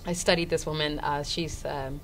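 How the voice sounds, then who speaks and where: A woman from Florida with a Haitian family, a stage actor talking casually in an interview and pausing often with many ums. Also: low voice, little pitch movement, a bit bright, a little hiss or hum, poor audio. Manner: hesitant, many ums, idealistic.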